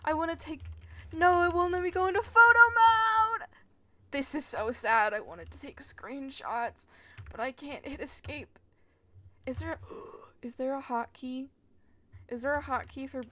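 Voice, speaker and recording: A young adult woman with a high, slightly bright voice streams a game, giving casual commentary that's giggly, sweary, rambling and full of exclamations. The recording has no echo.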